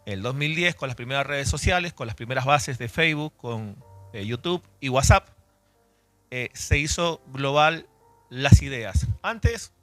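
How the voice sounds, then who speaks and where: In a church hall, a man in his forties, Chilean but raised in Argentina, gives a conversational doctrinal teaching, restarting and correcting himself along the way. His medium-pitched voice is animated and fairly bright at a measured pace, with faint music in the background.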